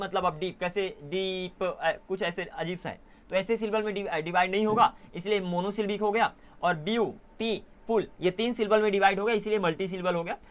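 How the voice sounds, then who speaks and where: A young man teaching an online English class in a casual way, often pausing to correct himself. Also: high-pitched, a bit bright. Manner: casual, self-correcting, mixes Hindi and English.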